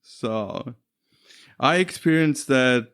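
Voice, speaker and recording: Slow, hesitant German-accented man. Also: mid-range voice, a bit bright, clean tone. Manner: hesitant, many fillers, searches for words. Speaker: podcast guest. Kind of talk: casual chat.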